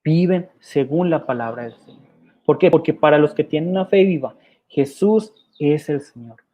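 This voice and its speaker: Mellow-voiced Colombian preacher. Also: male voice, fairly high pitch, normal speed. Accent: Colombian Spanish. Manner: emphatic repetition and rhetorical questions. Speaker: pastor. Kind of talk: sermon.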